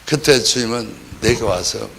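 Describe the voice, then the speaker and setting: A man's voice: on the low side, measured pace, vocal fry, fairly bright tone, a little hiss or hum. A man preaching a sermon as pastor, talking in a colloquial way and acting out the voices of the people he quotes.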